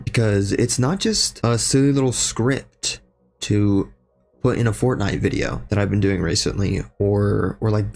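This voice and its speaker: A man's voice: on the low side, gravelly, a little mellow. A young man with a slightly strained voice, rambling casually and self-deprecatingly at home in his basement, swearing freely and losing his train of thought. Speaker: streamer and video creator.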